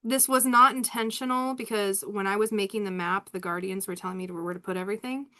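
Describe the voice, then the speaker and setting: A woman's voice: medium pitch, fairly even intonation, quick pace, sharp tone. Woman reader, casual live chat, rambling, candid, laughs a lot. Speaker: spiritual reader hosting a live session.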